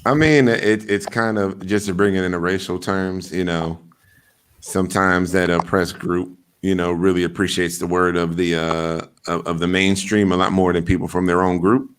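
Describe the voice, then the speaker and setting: A man's voice: sits low, fairly even intonation, moderate pace, smooth. A man hosting a podcast in a loose, blunt casual chat, full of fillers and swearing. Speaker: podcast host.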